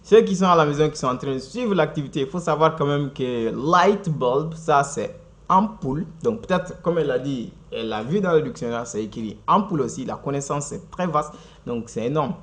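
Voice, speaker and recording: Lively man teaching English on TV. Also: fairly high pitch, normal speed. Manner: lively, laughing, switching between French and Bambara. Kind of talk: live TV language lesson.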